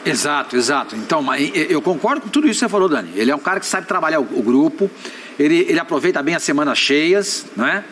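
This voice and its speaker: A man with a Brazilian accent on a studio sports debate panel, talking conversationally and dropping low and quiet when he muses. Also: animated, fast, slight background noise. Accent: Brazilian Portuguese.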